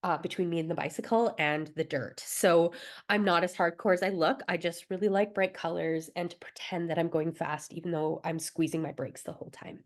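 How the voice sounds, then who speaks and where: In a recorded wellbeing workshop, this young Albertan woman speaks a little fast, her lowish voice keeping a steady tone. Her coaching is encouraging, dotted with soft laughter and filler words.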